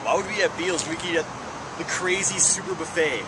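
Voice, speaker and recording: A young man in his twenties trades dry, playful banter with a friend. His voice is high for a man. The wind and waves are loud around him, picked up on a camera mic. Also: fast talker. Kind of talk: casual joking banter on camera. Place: windy beach. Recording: loud wind and surf noise.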